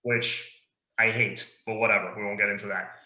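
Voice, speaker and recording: Male co-host, casual chat, leads the talk; sharp, bright tone, roomy echo. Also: lowish voice, steady tone, normal speed. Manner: easygoing, opinionated, leads the discussion. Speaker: podcast co-host. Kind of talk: casual chat about wrestling. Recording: echoey room, dull lo-fi sound.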